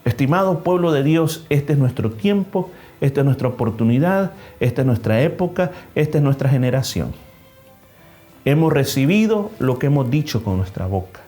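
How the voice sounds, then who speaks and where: Delivering a sermon at a church service, this male pastor speaks in a mid-range, dark voice. He builds emphasis as he hammers each numbered point and performs a story by switching between character voices.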